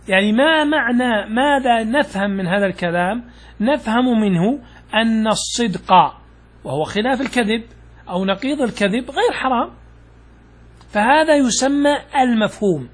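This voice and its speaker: A man, an Islamic scholar, teaching jurisprudence in a patient, explanatory lecture, pausing with fillers and asking questions he answers himself. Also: very high-pitched. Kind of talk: classroom lecture explaining a text.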